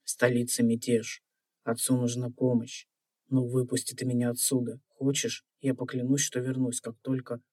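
An actor playing an anxious, plaintive young prince held captive in an audio fairy tale. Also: male voice, medium pitch, monotone, normal speed, darkish tone, no echo, clean studio sound, lightly acted. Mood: pleading.

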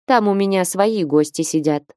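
A woman's voice: sits low, slow, darkish tone, dry recording, studio quality. A woman voicing a stern older abbess who speaks in a level, imperious way. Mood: stern calm.

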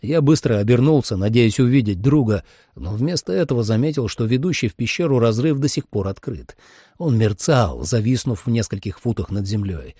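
A man's voice: medium pitch, expressive, fairly quick, warm tone, husky, dry recording, studio quality. A man narrating a first-person action audiobook, reading with dramatic expression.

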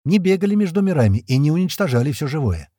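A man reading the part of a calm, composed colonel from another world, speaking in a measured, persuasive way. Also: on the high side, dry recording, studio quality, voice pushed up. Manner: measured, persuasive, level-headed.

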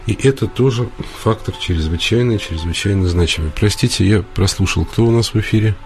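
A man's voice: lowish voice, fairly quick, a little mellow, soft background music. A man hosting a radio call-in show, lecturing earnestly and emphatically, with hesitations. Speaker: radio host, psychologist.

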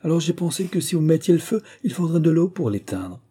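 A man voicing a spirited young woman, talking quick and emphatic in a raised voice. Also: on the high side, very animated, warm tone, slightly rough, voice pushed up. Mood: insistent.

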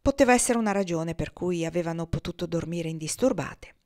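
A woman's voice: fairly low pitch, a little fast, darkish tone, lightly acted. A woman reading an audiobook, voicing a worldly frontier woman who talks in a teasing, ironic way. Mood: wry. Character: wry worldly frontier woman, self-mocking.

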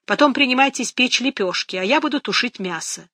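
Reader doing a bossy old housekeeper barking orders, bright crisp voice, dry close sound. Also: medium pitch, expressive, fairly quick, no room sound, voice pushed up. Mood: commanding. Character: bossy older female housekeeper giving orders.

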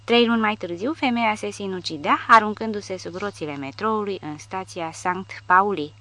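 A woman reading a war novel aloud in steady, measured scripted narration. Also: mid-range voice. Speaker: audiobook narrator.

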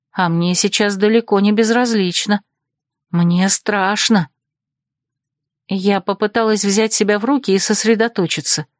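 Woman narrator for a first-person audiobook; lively and wry, mid-pitched, dry studio sound. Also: no echo. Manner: lively, expressive, wry inner monologue.

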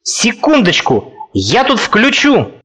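A male audiobook reader voicing a fussy, anxious elderly professor who asks drawn-out, nervous questions. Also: high-pitched, huge pitch swings, pushed and bright, breathy edge, exaggerated voice. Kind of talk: audiobook character reading.

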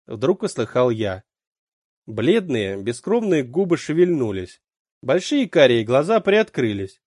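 Expressive male audiobook narrator. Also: mid-range voice, unhurried, no echo, clean studio sound. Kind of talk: first-person audiobook narration.

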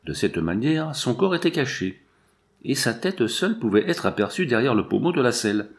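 A man narrating an audiobook in an expressive, dramatic reading style. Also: medium pitch. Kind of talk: scripted narration.

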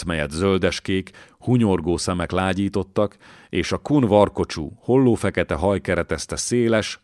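Male narrator, deep low voice, dry close sound, measured dramatic reading. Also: no echo. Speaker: audiobook narrator. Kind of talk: scripted narration.

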